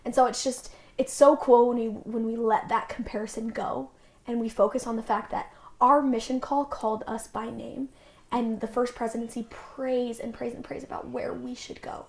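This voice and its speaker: A woman's voice: a little high, flat delivery, normal speed, gravelly, a little mellow. A young woman in her twenties, a podcast guest telling stories casually, often saying "like" and acting out what others said. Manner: chatty, acts out quoted dialogue; frequent filler "like".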